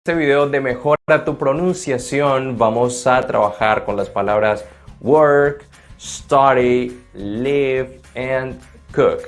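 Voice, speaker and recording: A man giving an English lesson, explaining verb endings methodically and spelling out each example slowly. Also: mid-range voice. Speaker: English teacher. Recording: roomy echo with faint background music.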